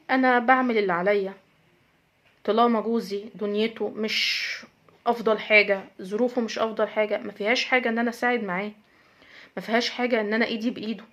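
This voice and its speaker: A fast-talking woman with an Egyptian accent gives direct advice to women, earnest and emphatic. She drives her points home by repeating them, and her voice sits a little high. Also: fairly bright tone. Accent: Egyptian Arabic. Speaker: host giving advice to women. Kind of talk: direct-address advice talk.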